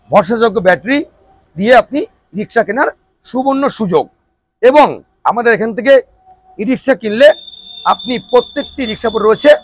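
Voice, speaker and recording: A man giving an emphatic, repetitive promotional sales pitch like an announcer, as a showroom promoter. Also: fairly bright tone, no room sound. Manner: emphatic, repetitive announcer-like delivery with rhetorical questions. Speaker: showroom promoter presenting e-rickshaws.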